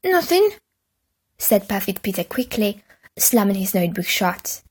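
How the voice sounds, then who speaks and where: A woman narrating a children's storybook with an expressive, dramatic reading. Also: mid-range voice, normal speed, husky.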